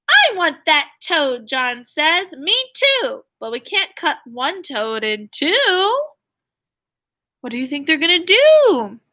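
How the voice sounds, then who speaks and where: A woman elementary school teacher reads a story aloud to young children, expressively, adding questions and asides. Her voice is high-pitched with a sharp tone.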